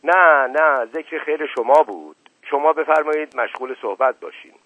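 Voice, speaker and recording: A man's voice: a little high, no room sound, close to an everyday voice. A man voicing a sly, flirtatious nobleman who mutters teasing asides and mock blessings, on a dry, tinny lo-fi radio recording.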